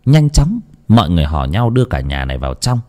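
A man's voice: deep voice, big pitch swings, fast talker, warm tone. A man narrating a ghost story in a dramatic storytelling manner.

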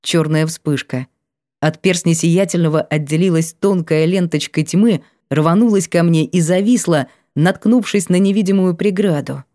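A woman narrating a fantasy audiobook, reading calmly and evenly at a measured pace. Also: fairly low pitch, no echo, clean studio sound.

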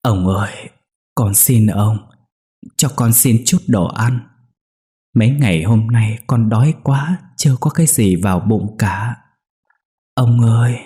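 A man's voice: a little high, fairly even intonation, a little fast, warm tone, pitched above the performer's own voice, close to an everyday voice. A man voicing the vengeful ghost of a drowned village boy, with a thin, whispery pleading voice.

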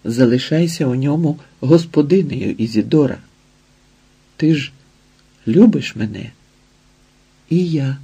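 A shy, lovesick young man, voiced by an audiobook narrator. He speaks plainly and hesitantly, close to the reader's own voice. The tone is husky and dark. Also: mid-range voice, a little slow, pauses often, full character voice. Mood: pleading.

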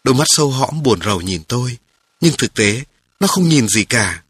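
A man calmly narrating a memoir aloud in a measured storytelling voice. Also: mid-range voice, husky.

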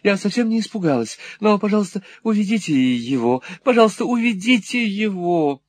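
A man voicing a gentle, sensible young woman who speaks softly and pleadingly. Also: high-pitched, very animated, brisk, no echo, voice pushed up. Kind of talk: audiobook character voice.

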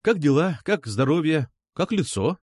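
A man voicing an eager, insistent young woman who keeps pressing to come over, with hurried pleading lines. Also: on the high side, big pitch swings, a little mellow, slightly rough, no echo, studio quality, pitched above the performer's own voice, exaggerated voice. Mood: cheerful. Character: young woman, eager, pushy, uneasy schoolgirl.

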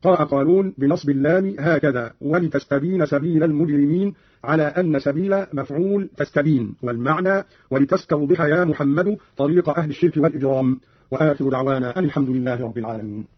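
A man giving a formal, instructive radio explanation of Quran reading variants, quoting verses and then explaining them in a measured way. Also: on the high side, husky, no echo. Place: radio studio. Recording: muffled old radio broadcast.

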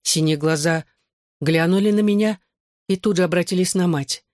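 An audiobook reader giving wry first-person narration in an even manner. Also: medium pitch, normal speed, no room sound, studio quality.

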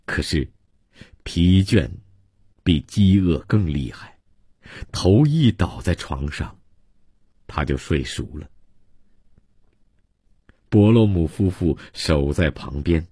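A man reading a serialized novel aloud for radio in a measured, deliberate narration. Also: low voice, very animated, mellow, breathy edge, dry recording, studio quality. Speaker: storyteller.

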